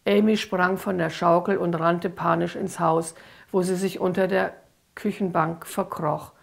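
A woman, an author, reading her own dark story aloud in a slow, dramatic storytelling manner. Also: lowish voice, fairly even intonation, gravelly. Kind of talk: audiobook-style reading.

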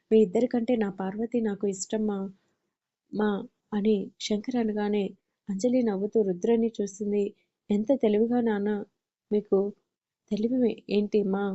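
A woman's voice: mid-range voice, warm tone. A woman narrating a family audio story, reading every character's lines in much the same voice. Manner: reads all characters in her own voice with small shifts. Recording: dull lo-fi recording.

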